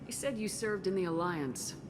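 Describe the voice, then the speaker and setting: A woman's voice: medium pitch, expressive, normal speed, music in the background, close to an everyday voice. An actress playing a composed, principled female military commander in a video game, direct and controlled. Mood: probing, composed. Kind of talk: cinematic video game dialogue. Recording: clear noise behind the voice.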